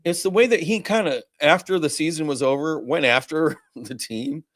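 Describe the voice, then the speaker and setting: A man hosting a sports podcast, talking in an animated, rambling way and swearing freely. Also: a little high, normal speed, no room sound, clean studio sound. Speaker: podcast host. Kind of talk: casual sports chat.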